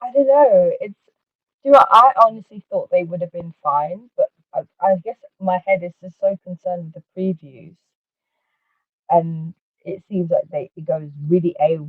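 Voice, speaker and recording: A woman's voice: fairly low pitch, normal speed, dry recording. A woman chatting on a video call through a headset mic, her voice muffled and hollow like she is inside a fishbowl, hesitant with lots of fillers. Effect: muffled, hollow sound like talking inside a fishbowl. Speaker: co-host on a panel. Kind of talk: casual chat on a video call. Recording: muffled phone-like headset line.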